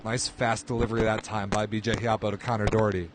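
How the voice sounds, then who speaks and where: A man's voice: on the low side, fast, very noisy. A man calling a volleyball match live, play-by-play, his voice jumping up on big plays. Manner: excitable, voice jumps up on big plays. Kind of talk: live sports commentary.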